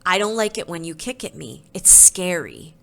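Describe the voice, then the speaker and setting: A woman's voice: lowish voice, very animated, moderate pace, gravelly, fairly bright tone, full character voice. A woman reading aloud and voicing a small, timid girl earthworm in a children's storybook, speaking earnestly.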